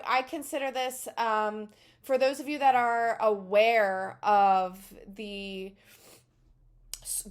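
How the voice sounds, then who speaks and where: A woman in her thirties with a Philadelphia accent and a voice on the high side talks casually to camera as a spiritual channel. She rambles, using many fillers.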